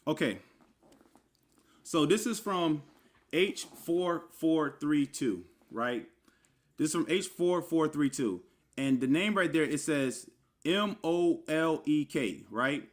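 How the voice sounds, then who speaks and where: Speaking slowly in a slightly high, animated voice, this man teaches scripture vocabulary during a relaxed screen-share lesson online. He spells the words out letter by letter, calls the listener brother, and talks informally with lots of fillers and asides, like the religious teacher he is.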